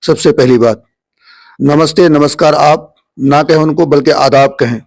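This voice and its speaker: A man's voice: a little high, darkish tone. A man from India hosts a religious video, speaking directly to viewers and summarizing a question of Islamic etiquette. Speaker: host of an Islamic channel.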